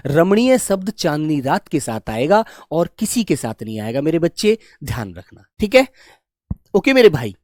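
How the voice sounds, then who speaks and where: A man's voice: on the high side, very animated, normal speed, darkish tone, no room sound, studio quality. A man teaching a Hindi exam coaching lesson, fondly calling his listeners "my dear children" and drilling sounds aloud.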